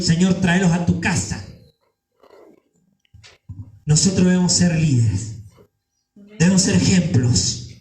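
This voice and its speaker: Fervent high-voiced preaching man. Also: roomy sound, poor audio. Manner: fervent, rising to shouts, rhetorical questions. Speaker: pastor. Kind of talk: sermon.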